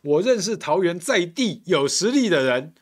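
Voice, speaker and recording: This combative, sarcastic political monologue comes from a man who hosts a podcast and is a council candidate. He speaks in a high voice at a moderate pace, with big swings in pitch.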